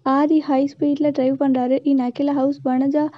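A woman's voice: high-pitched, flat delivery, unhurried, no echo. A woman narrating a serial story in Tamil-language storytelling style, reading out every character herself. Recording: dull, lo-fi sound.

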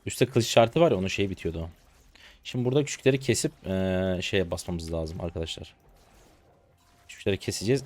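A hoarse man in his twenties giving slangy live commentary to viewers while he plays a game. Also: low-pitched, a little mellow. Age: 20s. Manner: rapid slangy chatter to viewers. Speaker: gaming streamer.

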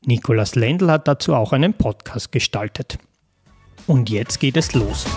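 A man narrates a podcast from a script. He reads in a clear, measured way at a middling pitch. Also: darkish tone. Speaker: podcast host.

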